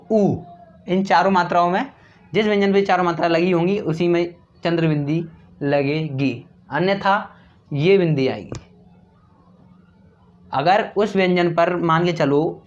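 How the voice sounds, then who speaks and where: Slow, patient male Hindi teacher. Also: high voice. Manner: repeats each word slowly, asks and answers his own questions. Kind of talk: slow classroom explanation. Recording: dull lo-fi recording.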